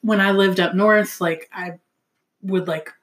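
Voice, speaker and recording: A woman hosting a casual chat, gentle and guiding, chatty with light fillers. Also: on the low side, steady tone, a little slow. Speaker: host.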